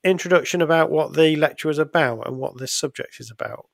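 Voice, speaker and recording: A man's voice: on the high side, fairly quick, gravelly, dry recording, studio quality. A middle-aged man hosting a podcast in casual chat, talking hesitantly with many ums and restarts. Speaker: podcast host.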